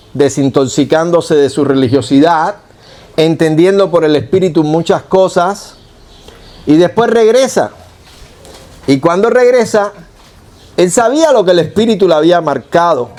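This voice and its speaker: A man with a Cuban accent delivers a sermon to his congregation in a fairly high voice. He teaches in a conversational way, tosses in rhetorical questions and stops to correct his own wording. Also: darkish tone. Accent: Cuban Spanish. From Cuba. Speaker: pastor.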